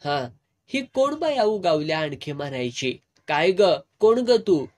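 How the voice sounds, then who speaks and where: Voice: mid-range voice, sing-song, a little slow, darkish tone. A narrator voicing a scolding old village woman. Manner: scolding, rough rural speech.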